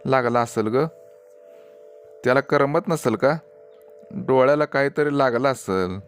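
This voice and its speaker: A man voicing a practical village mother who gives her son brisk homely instructions while she sews. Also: mid-range voice, a little hiss or hum, close to an everyday voice. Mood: matter-of-fact.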